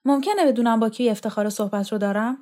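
A woman's voice: on the high side, pitched above the performer's own voice, lightly acted. A woman reading the part of a vain, eager young male theatre director. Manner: eager, excited, quick.

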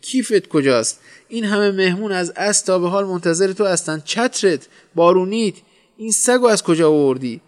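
A man's voice: mid-range voice, big-room sound, natural voice. A man voicing an exasperated wife who scolds her forgetful husband in a storybook reading. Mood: scolding. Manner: shrieking, scolding.

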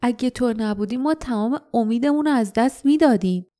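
A woman voicing an amazed, grateful male companion in a storybook reading, praising slowly. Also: fairly high pitch, mellow, faint music behind, lightly acted.

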